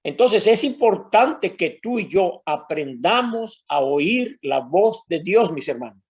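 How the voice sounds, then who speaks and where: Slowly and in a sing-song way, an older Mexican pastor relates a personal story in a sermon, speaking to the congregation as brothers. He has a Mexican Spanish accent and a high, slightly rough voice.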